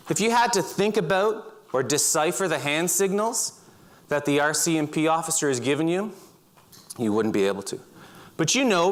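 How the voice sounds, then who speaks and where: Lively high-voiced man telling stories. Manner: vivid second-person storytelling with bursts of loud acted shouting. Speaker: speaker. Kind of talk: storytelling talk. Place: auditorium stage.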